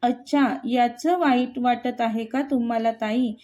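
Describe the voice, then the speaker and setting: A shy young woman, voiced by a woman reading the story, answers meekly and keeps apologizing. Her voice is high and soft with a mellow, dark tone. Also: fairly even intonation, unhurried, lightly acted. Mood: apologetic. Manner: meek, apologetic.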